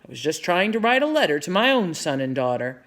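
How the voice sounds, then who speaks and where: A woman voicing a stern, loud Revolutionary War army captain in a read-aloud storybook. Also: on the low side, big pitch swings, a little fast. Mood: friendly. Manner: loud, calling out.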